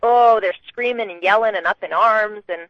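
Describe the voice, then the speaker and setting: Woman caller on a dull phone line, mid pitch, animated and quick to laugh, New England sports fan. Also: no echo. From Connecticut, New England. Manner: chatty, laughing, animated, talks over herself. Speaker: radio caller.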